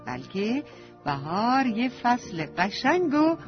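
A woman storyteller narrating a children's story in an animated, affectionate way for young listeners. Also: a little high. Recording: dull lo-fi with faint music.

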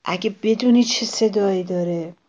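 A woman voicing a frightened male jackal in a children's storybook, shouting and breathless with urgency. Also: mid-range voice, lightly acted. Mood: panicked.

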